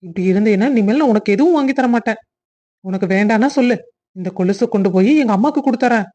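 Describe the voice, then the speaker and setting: A woman's voice: mid-range voice, fast, warm tone, muffled recording, lightly acted. A woman voicing a young cartoon husband who teases and bosses his wife with affection. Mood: scolding. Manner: teasing, bossy. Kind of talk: cartoon family drama voice acting.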